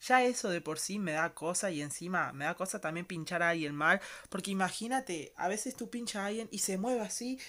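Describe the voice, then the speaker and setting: A man's voice: sits high, animated, brisk, few pauses, sharp tone. A man with an Argentine accent casually commenting on a TV episode, chatty and rambling, with slangy asides and mock-disgusted exclamations. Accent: Argentine Spanish. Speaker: reaction commentator.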